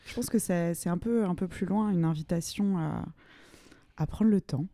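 A woman's voice: on the low side, normal speed, dark tone, dry recording. A woman co-hosting an interview, guiding the talk and explaining things for the listeners. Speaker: podcast co-host. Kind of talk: casual interview chat.

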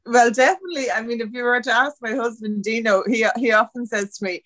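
A woman's voice: fairly high pitch, fast, a bit bright, no room sound. A woman from Dublin with a Dublin accent, a podcast guest talking freely and laughing often. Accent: Dublin Irish. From Dublin, Ireland. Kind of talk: casual interview chat.

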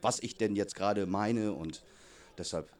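A man in his thirties from Vietnam speaks as a guest coach in a casual interview. His voice sits low and mellow, and he talks in a relaxed, chatty way, peppered with quick affirmations. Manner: relaxed, chatty, many fillers like "genau". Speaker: youth football coach, guest.

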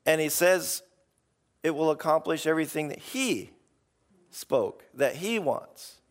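A man preaching an informal, emphatic sermon in a gravelly, hoarse voice that is starting to give out. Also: a little high, expressive, measured pace. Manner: informal, emphatic, acts out imagined replies. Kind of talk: sermon, conversational exhortation to a congregation.

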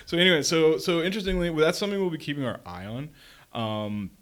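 A man's voice: on the high side, expressive, fast, fairly bright tone. A man hosting a podcast, rambling and jokey, with many restarts. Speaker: podcast host. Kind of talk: casual chat.

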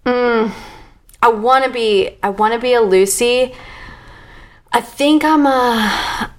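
A woman's voice: a little high, slow pace. Chatty woman with a rambling manner. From Delaware, USA. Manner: rambling, heavy use of "like", laughs often. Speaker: guest, comedic performer. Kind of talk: casual interview chat.

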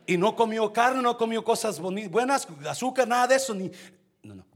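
High husky pastor guy preaching, goes from mumbling low to yelling. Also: expressive, fairly quick. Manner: preaches to the congregation, swinging from low murmurs to shouting. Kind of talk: sermon.

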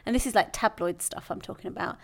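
A woman's voice: medium pitch, quick pace, creaky. A young British woman in casual conversation, chatty and playful, often restarting her sentences. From Britain. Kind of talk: casual chat.

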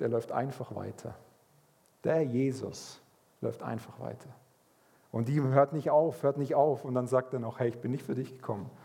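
A man preaching a sermon, telling stories in a lively way and acting out the voices of people in them. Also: mid-range voice, slightly rough. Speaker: pastor.

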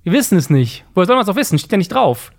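A man's voice: high voice, sing-song, very fast, gravelly. A man in a casual podcast chat, explaining his view with confident, concrete examples. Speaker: podcast co-host.

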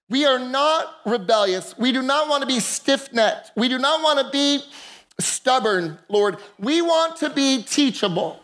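In a church sanctuary, a woman pastor preaches into a pulpit microphone, speaking emphatically and calling for responses from the congregation. Her voice is fairly high and a bit bright.

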